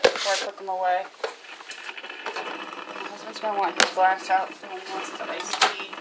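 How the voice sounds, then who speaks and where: A woman's voice: mid-range voice, flat delivery, moderate pace. A middle-aged woman casually narrating her morning kitchen chores in a homey, chatty way, filmed on a phone propped in a small home kitchen. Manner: chatty, homey, talks while working. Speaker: homemaker vlogger. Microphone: phone camera propped on the counter. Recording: loud kitchen noise, phone mic. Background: running water and clattering dishes.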